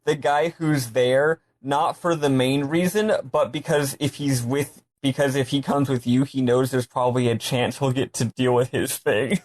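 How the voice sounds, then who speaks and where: A man's voice: medium pitch, steady tone, moderate pace, few pauses, a little mellow. A man co-hosting a casual game discussion, talking informally and emphatically with some swearing. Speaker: podcast co-host.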